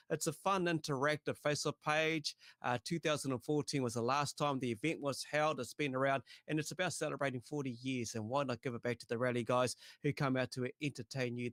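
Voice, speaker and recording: A man's voice: mid-range voice, a bit bright, no echo. Casual New Zealand man hosting, close dry sound. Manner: matey, slangy. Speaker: motorsport show host. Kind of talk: casual presenting and banter.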